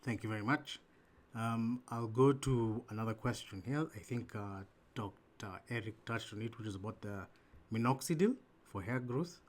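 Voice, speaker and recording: A man's voice: medium pitch, moderate pace. A man hosting a webinar Q&A over a video call, friendly and grateful, stumbling over restarts as he reads out questions. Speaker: host and moderator. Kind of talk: moderating a webinar Q&A.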